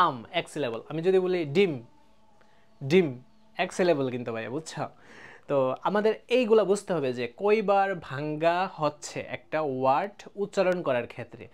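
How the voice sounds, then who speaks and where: A man teaching an English grammar lesson in a casual video, explaining step by step, checking that students follow, and drawing out example words slowly. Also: high voice. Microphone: close mic, writing on a board.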